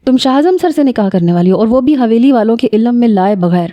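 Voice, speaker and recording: Incredulous girlfriend, read by a woman narrator, scolding, mellow. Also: fairly high pitch, expressive, lightly acted. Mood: shocked. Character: shocked young female friend, scolding.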